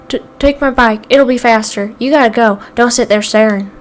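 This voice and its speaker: A woman voicing a blunt young male friend who urges and orders loudly, reading game dialogue aloud. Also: on the high side, normal speed, soft background music, lightly acted. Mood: urgent. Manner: urgent, bossy.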